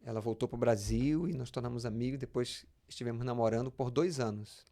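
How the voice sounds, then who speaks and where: This Brazilian pastor, appearing as an interview guest, has a mid-range, brisk voice with a dark tone. He shares personal anecdotes conversationally, often repeating words as he explains.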